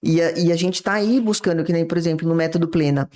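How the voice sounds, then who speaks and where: A woman's voice: on the low side, steady tone, fast, mellow. Brazilian woman explaining like a teacher. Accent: Brazilian Portuguese. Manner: didactic, acts out little dialogues from examples. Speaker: psychiatrist guest. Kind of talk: explanatory interview talk.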